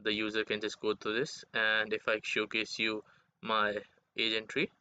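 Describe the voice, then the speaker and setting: A man presenting a software demo as its developer, in halting, non-native English phrasing, on a dull, lo-fi microphone. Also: fairly low pitch, monotone, clear, resonant tone.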